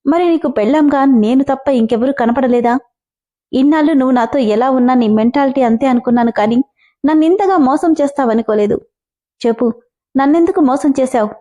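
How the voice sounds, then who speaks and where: A woman's voice: a little high, brisk, warm tone, lo-fi sound, close to an everyday voice. Woman voicing a betrayed, furious young wife. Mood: accusing.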